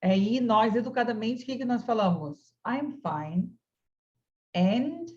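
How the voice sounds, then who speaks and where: Patient woman teacher on an online class, speaks slowly, muffled call sound. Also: a little high, expressive, darkish tone. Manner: patient, models English phrases slowly for students. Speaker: English teacher.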